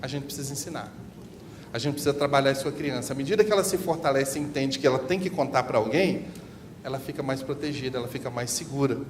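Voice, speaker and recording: A man giving a church seminar talk, animated and preaching, on a PA microphone. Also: mid-range voice, fast talker. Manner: animated, preaching, with acted examples. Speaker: seminar speaker. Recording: reverberant hall, faint noise.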